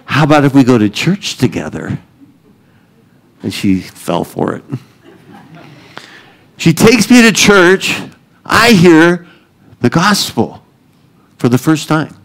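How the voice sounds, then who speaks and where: A man's voice: medium pitch, gravelly, low-quality recording. A middle-aged man preaching a sermon, telling joking, self-deprecating stories and laughing often. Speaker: pastor.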